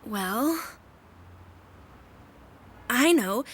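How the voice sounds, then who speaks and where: A woman voicing an earnest, gentle teenage schoolgirl in an animated drama dub. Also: a little high, very slow, slight background noise, full character voice.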